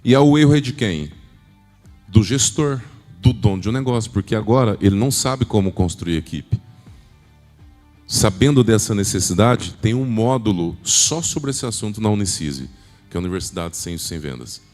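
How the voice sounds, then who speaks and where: A man's voice: fairly low pitch, lively intonation, normal speed, darkish tone. A man giving an emphatic motivational sales talk at a church event, often asking the audience questions. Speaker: business speaker at a church event. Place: large church hall. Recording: long hall reverb, faint music.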